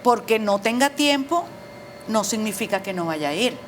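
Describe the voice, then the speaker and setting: A middle-aged Spanish teacher and proofreader, appearing as a guest in an interview, patiently explains spelling rules with examples. Her medium-pitched voice is expressive and moderately paced, with faint background noise in the recording.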